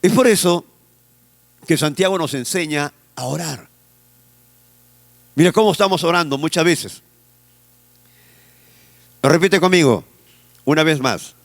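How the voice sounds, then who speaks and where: A man's voice: a little high, animated, measured pace, vocal fry, long pauses, no echo. A male pastor from Peru, preaching a sermon with a Peruvian Spanish accent and leading the congregation in repeating phrases back to him.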